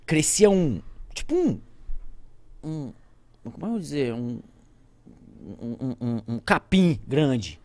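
A man with a Brazilian Portuguese accent, a podcast guest telling an emotional story with conviction, shifting from loud outbursts to near-whispers. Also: medium pitch, sing-song, slow pace, long pauses. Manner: speaks with conviction, addresses viewers directly.

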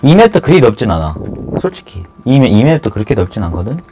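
A man giving casual commentary on an online game he is playing, swinging between loud cheers and nervous muttering. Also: medium pitch, big pitch swings, quick pace, background noise. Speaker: gaming YouTuber.

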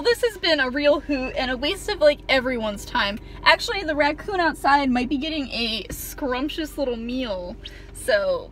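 This storytime monologue comes from a young woman on a dash-mounted camera in her parked car, full of ums and sarcastic jabs at herself. She has a high, slightly bright voice, and a little hiss or hum runs underneath.

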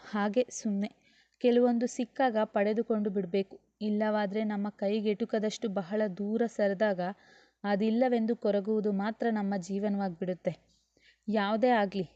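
A woman plays a young mother in a narrated novel, firm when she scolds and quietly reflective when she is sad. Her voice is mellow and dark-toned. The recording is dry, dull and lo-fi. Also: mid-range voice, no echo, lightly acted. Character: young mother, stern then gently resigned. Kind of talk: audiobook character voice.

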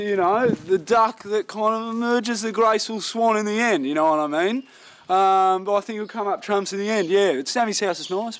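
A man's voice: sits high, fairly bright tone. A man playing a bumbling Aussie builder. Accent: Australian. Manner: blokey, swearing, rambling. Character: boastful bumbling male Australian builder. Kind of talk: mockumentary comedy.

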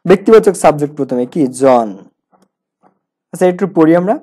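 Bangladeshi guy teaching english grammar, quizzes then answers himself, warm mellow voice. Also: fairly high pitch, lively intonation, normal speed. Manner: asks questions and answers them himself, repeats words for pronunciation. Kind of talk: classroom grammar lesson.

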